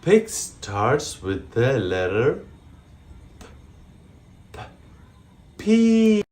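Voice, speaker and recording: A woman presenting a toddler learning video, speaking slowly in a coaxing, exaggerated way. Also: a bass voice, sing-song, a little mellow. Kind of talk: teaching toddlers.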